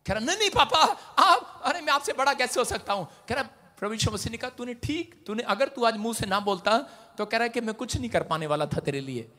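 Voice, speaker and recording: A middle-aged man preaching a sermon, telling stories in turns hushed and loudly shouted. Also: very high-pitched, fairly quick, in a large hall. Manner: animated, swings from hushed storytelling to loud shouted exclamations. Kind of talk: Hindi sermon with storytelling.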